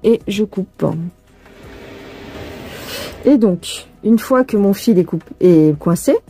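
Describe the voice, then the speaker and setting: Over soft background music, a woman with a mid-range, dark-toned voice and lively intonation speaks slowly. Filmed on a phone aimed at her hands, she hosts a casual cross-stitch tutorial, chatting and thinking aloud to the viewer as she stitches.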